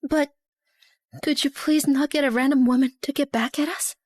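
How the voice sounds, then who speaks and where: Casting: actress for a remorseful young woman, extremely high-pitched, desperate and pleading, short-drama dub, dry studio sound. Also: fairly even intonation, moderate pace, a little mellow, no echo, lightly acted. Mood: anxious pleading. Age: young adult. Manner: pleading, emotional.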